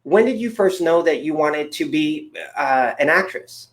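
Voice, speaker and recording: A man's voice: a little high, expressive, a little slow. A man hosting an interview show, talking in an upbeat, rambling way with lots of fillers. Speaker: podcast host. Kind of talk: casual interview chat.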